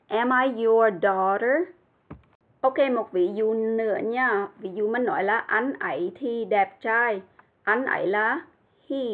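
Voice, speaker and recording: A woman teaching an English lesson, speaking carefully and repeating words for pronunciation. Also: on the high side. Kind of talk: language lesson. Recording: tinny phone-like sound.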